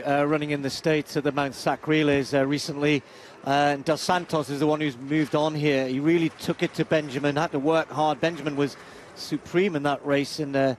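A man giving expert analysis as co-commentator after a race, talking in a conversational way with frequent fillers. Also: on the high side. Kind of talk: live sports analysis.

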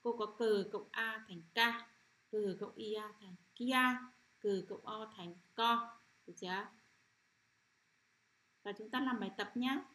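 A middle-aged woman teacher leading a children's phonics lesson, sounding out syllables slowly and often asking if the class has understood. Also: mid-range voice, fairly bright tone. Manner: repetitive, checks understanding with frequent "được chưa?".

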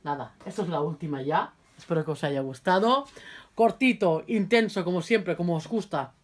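A woman giving a casual video lesson, repeating phrases carefully for viewers and chatting in quick asides while she handles her cards. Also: fairly low pitch. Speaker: language teacher.

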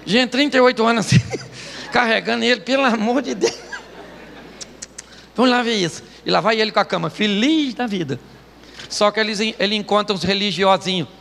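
A man's voice: high-pitched, brisk, creaky, pauses often, a bit bright, in a large hall, a little hiss or hum. A man preaching a humorous sermon as pastor, telling jokes and stories and laughing often. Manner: joking storytelling, laughing often. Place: church stage.

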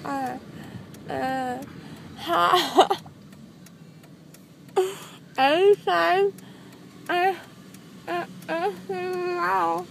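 A groggy, numb woman after dental surgery, talking with her fingers in her mouth in a slurred, halting way, recorded on a phone in a moving car. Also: very high-pitched, creaky. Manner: slurred, halting speech with many stalls. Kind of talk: casual chat. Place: passenger seat of a moving car. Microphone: phone held by herself. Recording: steady car road noise.

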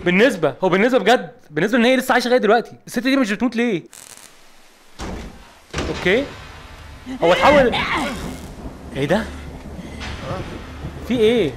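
A man's voice: very high voice, animated, fast, pauses often, noisy background. A man with an Egyptian accent giving jumpy let's play commentary, asking over and over what is happening. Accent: Egyptian Arabic. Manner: jumpy, keeps asking what is going on, frightened exclamations. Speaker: gaming video host.

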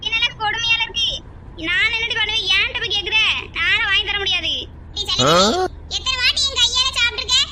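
Woman as a bossy cartoon elder sister, southern Tamil accent, very high and rapid, always scolding. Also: pushed and bright, a little hiss or hum, heavily acted. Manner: scolding, nagging. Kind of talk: cartoon voice acting.

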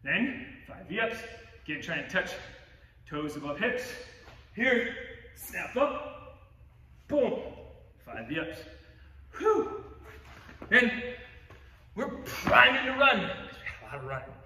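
Upbeat male fitness coach, winded from demoing moves, high bright voice, distant mic in an echoey hall. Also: big pitch swings, slow, pauses often, a little hiss or hum. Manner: upbeat, cues moves with "boom". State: out of breath. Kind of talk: workout instruction demo. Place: gym.

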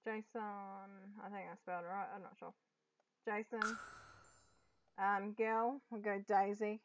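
A young woman giving casual commentary while playing a video game, often breaking into excited, gasping exclamations. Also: medium pitch, a little slow, noisy background. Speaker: gaming YouTuber. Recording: dull lo-fi audio with game music. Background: game music.

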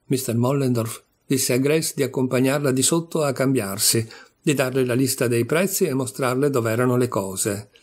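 A man narrating a literary short story in a measured, calm storytelling manner. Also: medium pitch. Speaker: narrator and reader.

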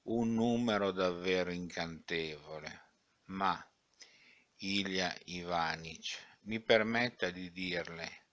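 Give me an indignant young critic, fussy and scornful, pronouncing every fault with emphasis, as a man reads him in an audiobook. The voice is low and bright-edged, and the recording is slightly dull and lo-fi. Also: slow, no echo. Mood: flattering. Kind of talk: audiobook character reading.

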